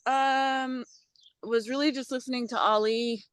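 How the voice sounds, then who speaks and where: A woman on a group call, polite and soft-spoken. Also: a little high, steady tone, a little slow, clean tone, dry recording. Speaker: call participant. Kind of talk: casual group call chat.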